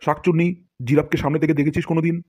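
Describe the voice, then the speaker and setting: A man's voice: a little high, little pitch movement, very fast, warm tone, a little hiss or hum, natural voice. A man voicing a boastful, pompous male English teacher in a cartoon, scolding his pupils and acting out each word theatrically.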